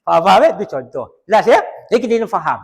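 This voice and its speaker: A man's voice: high-pitched, racing, vocal fry, husky. A man with a Malaysian Malay accent giving a customer service training class. He jokes a lot and acts out short scenes in other voices. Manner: animated, joking, switches into acted customer voices. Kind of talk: classroom lecture with acted examples.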